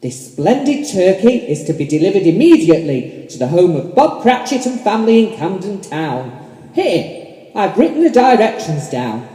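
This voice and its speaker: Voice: medium pitch, very animated, normal speed, warm tone, close to an everyday voice. A performer playing Scrooge, an old miser turned joyful, in an emphatic, theatrical amateur radio play style. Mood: giddy, overjoyed. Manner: theatrical, emphatic, repeats phrases. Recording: echoey hall, long reverb.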